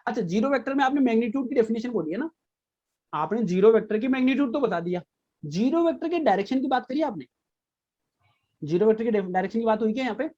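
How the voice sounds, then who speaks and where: A man's voice: very high voice, lively intonation, fast talker, dark tone, lo-fi sound. A man teaching a physics class, repeating key points and quizzing his students with frequent questions. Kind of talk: live online class lecture.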